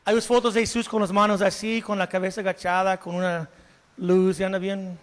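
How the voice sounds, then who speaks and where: A male pastor preaching a sermon, animated, asking the congregation questions and slipping in English words. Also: sits high, brisk. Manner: slips English words into Spanish. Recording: long hall reverb.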